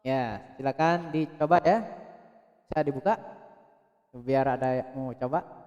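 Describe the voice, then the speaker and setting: A man teaching Quran recitation, drilling throat sounds and joking with imagined students while clearing his throat. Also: medium pitch, unhurried, long reverb tail, lo-fi sound. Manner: drills throat sounds, loud when demonstrating. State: thirsty, clears throat often. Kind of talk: pronunciation lesson with demonstrations.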